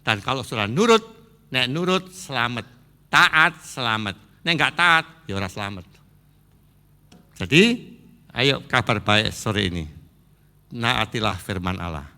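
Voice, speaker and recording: A middle-aged man with an East Javanese accent, preaching a sermon and slipping into Javanese asides, swinging between loud exhortation and low earnest talk. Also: expressive, a little slow, long pauses. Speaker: pastor.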